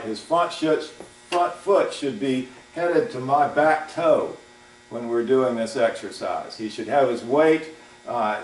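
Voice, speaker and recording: A man coaching fencing, explaining a demonstration aloud in a measured, halting way. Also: medium pitch. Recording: echoey room, distant mic, faint hum.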